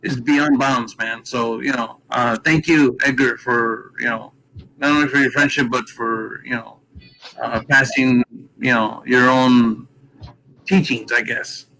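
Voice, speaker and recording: A man speaking as a guest on a radio show, chatting informally in a halting, conversational way. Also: medium pitch, fairly even intonation, creaky, bright, forceful tone, slight background noise, rough recording. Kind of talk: casual reminiscing chat.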